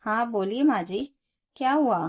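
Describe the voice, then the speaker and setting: A woman voicing a sick, weary young daughter-in-law who speaks softly and reasons calmly in a storybook tale. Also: a little high, normal speed, voice pushed up, close to an everyday voice.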